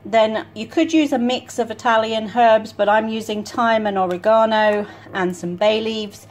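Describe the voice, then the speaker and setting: A woman talking casually through each step of a home cooking demonstration in a relaxed, chatty way. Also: fairly high pitch, moderate pace, slight background noise. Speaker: home cook vlogger. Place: home kitchen.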